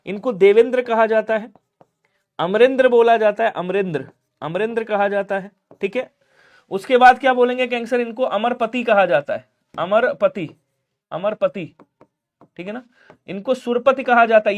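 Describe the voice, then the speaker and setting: A young man teaching a live online grammar class, drilling answers in a brisk, chatty way and talking straight to his students. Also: very high voice. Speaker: online exam tutor.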